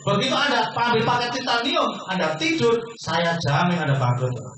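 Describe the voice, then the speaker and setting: A business opportunity presenter with a high, expressive, fairly bright voice pitches to a sales seminar audience, persuasively calling everyone sir and quizzing them with rapid questions. He is recorded from a distance in a large, very echoey hall with a faint ambient hum beneath.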